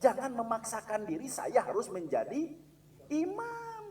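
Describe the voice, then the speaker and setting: A man's voice: extremely high pitch, huge pitch swings, distant mic. A man with a Sundanese accent teaching a religious lesson in a mosque, asking his listeners questions as he goes. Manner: mixes Sundanese into Indonesian, asks listeners questions; chants Quranic verses slowly and loudly as examples.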